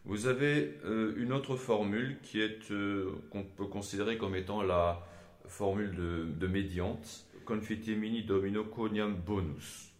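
A man teaching Gregorian chant in a measured, explanatory way, often pausing to hesitate, with short sung examples. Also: fairly low pitch, fairly even intonation. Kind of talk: spoken lesson with sung examples. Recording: echoey room.

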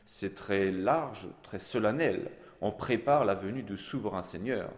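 Slow-spoken man teaching chant, long reverb. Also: lowish voice. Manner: slow, explanatory, with soft fillers. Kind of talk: chant lesson with sung examples.

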